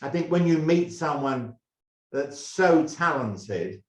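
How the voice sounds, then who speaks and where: An older man from England, a former drummer, telling stories in a halting, rambling way with many restarts. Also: on the high side, animated. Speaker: guest, former band drummer. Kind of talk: casual interview storytelling. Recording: roomy echo.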